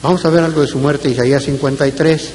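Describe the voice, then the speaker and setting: A slightly high-voiced man preaching in a church hall, reading scripture in a measured, deliberate way. His phrase endings drop away softly. A long reverb rings behind him, with a faint hiss on the recording. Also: fairly even intonation. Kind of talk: Bible-study sermon with scripture reading.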